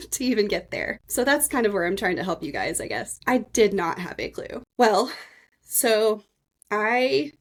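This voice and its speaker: A woman in her thirties hosting a podcast, telling her own story in a casual, earnest and emotional way, speaking straight to her listeners. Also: medium pitch. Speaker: podcast host.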